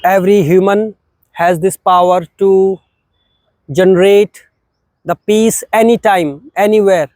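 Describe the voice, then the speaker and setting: Man, yoga teacher, higher voice, very slow calm phrasing, dry close sound. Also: no room sound. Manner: slow, calm, short phrases with long pauses. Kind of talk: guided breathing meditation.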